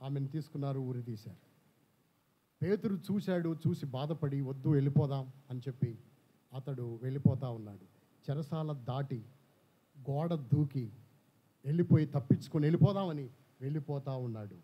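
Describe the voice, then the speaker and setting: A man preaching a sermon, animated, throwing questions at the congregation. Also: medium pitch, normal speed, long pauses, husky. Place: church hall. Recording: slightly dull church recording.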